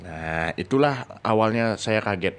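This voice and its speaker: A man telling a story in casual chat, animated, jumping up in pitch to act out what others said. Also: measured pace, clear, resonant tone. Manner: animated, acts out quoted voices with sudden high pitch. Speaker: podcast guest storyteller.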